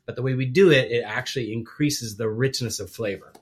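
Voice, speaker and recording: A middle-aged Guatemalan man, a theology professor appearing as a podcast guest, chats casually in a self-deprecating, rambling way full of restarts. His voice is mid-range and brisk.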